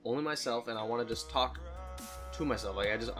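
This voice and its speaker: A man in his late teens tells personal stories at a quick pace in a mid-range voice, rambling casually and swearing freely like a YouTuber on a solo talk show. He's candid and self-deprecating, with background music playing.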